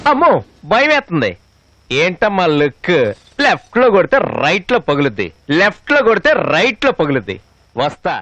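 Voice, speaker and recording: A cocky lovesick young hero. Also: male voice, on the high side, wildly swooping pitch, quick pace, a bit bright, soft background music. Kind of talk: dubbed film acting.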